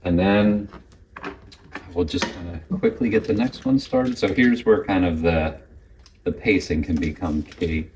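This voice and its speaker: A man's voice: low voice, darkish tone, echoey room, far from the mic, slight background noise, low-quality recording. A man hosting a home cooking vlog, chatty and self-critical, talking between bites as he cooks and tastes. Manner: chatty, self-critical, talks while eating. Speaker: home cooking channel host. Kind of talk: casual cooking vlog with tasting.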